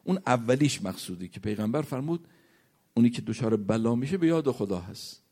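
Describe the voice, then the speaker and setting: A warm, husky, expressive male voice delivers a sermon, reciting Arabic verses and hadith and narrating a story. He swings up and down in pitch and sometimes sinks almost to a whisper.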